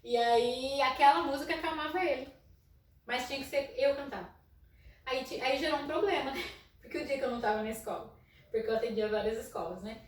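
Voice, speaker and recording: A Brazilian psychologist with a naturally loud, high-pitched voice talks casually and briskly about school inclusion, telling stories with soft laughs and tagging her sentences with "né?". She was recorded at a distance in an echoey room.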